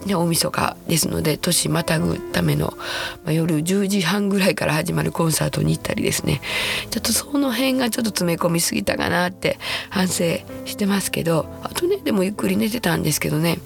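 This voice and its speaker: A woman in her sixties with a Kansai accent, hoarse and husky from a throat cold, chatting casually and self-deprecatingly as a podcast host. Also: fairly low pitch, faint music behind. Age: 60s. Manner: chatty, self-deprecating, slows to a soft hush at times. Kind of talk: casual solo podcast talk.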